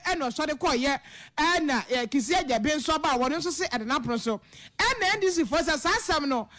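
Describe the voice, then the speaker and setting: A woman presenting the news in an emphatic newsreader manner, at times rising almost to a shout. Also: very high voice, no echo. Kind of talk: news reading.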